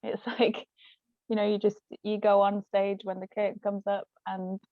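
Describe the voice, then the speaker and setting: Sharing stories about her work, this actress and author talks in a relaxed way as a guest at a moderate pace. Her mid-range voice shows little pitch movement, and the sound is dry and thin, resembling phone audio.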